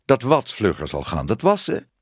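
A man's voice: medium pitch, wildly swooping pitch, a little slow, slightly rough, no echo, studio quality, heavily acted. A man doing a fussy, lecturing shy man. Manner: exclamatory, lecturing. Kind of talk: audiobook reading.

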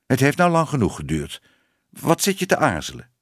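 A man's voice: mid-range voice, huge pitch swings, moderate pace, no echo, clean studio sound. A man doing a stern old cat aunt. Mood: bossy. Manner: stern, disapproving, bossy.

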